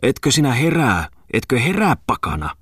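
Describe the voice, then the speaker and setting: A male reader voicing a loud, scolding, stout old miller's wife in an audiobook. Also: huge pitch swings, slightly rough, no room sound, clean studio sound, full character voice. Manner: shrill, scolding.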